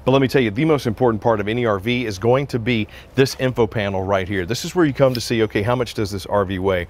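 A man's voice: lowish voice, fast talker. A man in his forties presenting an RV on an outdoor sales lot, talking in a casual, upbeat salesman style into a lapel mic. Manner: upbeat, conversational salesman patter. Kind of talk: walkaround product review.

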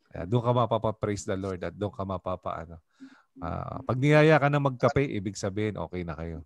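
A pastor with a fairly low voice gives a casual evening devotional over a video call. He talks in a loose, chatty way, keeps asking his listeners for agreement, and laughs easily. The sound is dry and close, with no room echo. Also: moderate pace, vocal fry.

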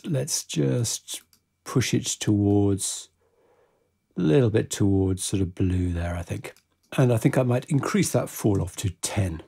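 Explaining each action methodically as he performs it, a man improvises a software tutorial. His voice is medium in pitch, with a gravelly, husky quality.

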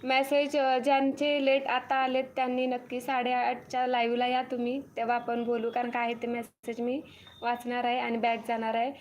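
High-voiced woman greeting live viewers. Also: monotone, normal speed, a little hiss or hum. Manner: greets viewers one by one, reads comments aloud, repeats thanks. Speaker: live-stream host reading viewer comments. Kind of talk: casual live-stream chat. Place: farm home with cattle shed nearby.

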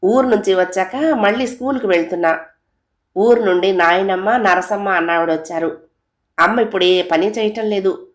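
A woman's voice: mid-range voice, moderate pace, echoey room. A woman narrating an audio story, reading aloud and voicing each character with small shifts.

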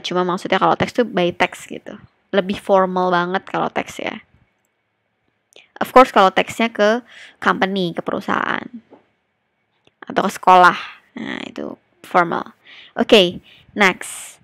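A woman's voice: on the low side, steady tone, measured pace, gravelly, long pauses, a bit bright, no room sound, studio quality. A young adult woman teaching an English lesson in a chatty, casual way, slipping English phrases into her explanations.

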